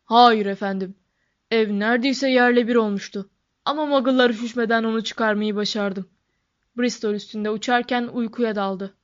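Hagrid, a woman voicing a loud tearful giant man. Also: a little high, steady tone, moderate pace, natural voice. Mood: earnest. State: sobbing. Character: huge gruff male half-giant groundskeeper, soft-hearted. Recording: dull lo-fi recording.

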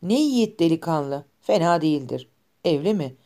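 A woman voicing a kindly male landowner who asks brief, interested questions, in her own mellow reading voice. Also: sits low, sing-song, normal speed. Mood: curious. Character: landowner man, curious and kindly.

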